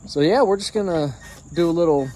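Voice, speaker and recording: Working on a truck outdoors with crickets all around, this man has a fairly quick, warm voice on the high side. He chats casually for a how-to vlog, rambling in a folksy way and restarting phrases as he goes. It's a noisy recording from a handheld camera with no tripod.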